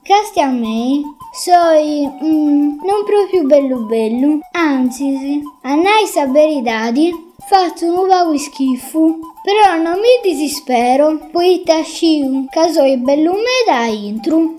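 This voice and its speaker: A chubby, hairy green critter, put on by a woman reading a storybook, speaks in a high, slow drawl. The voice is dark and mellow, blunt and boastful, with faint music underneath. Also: lively intonation.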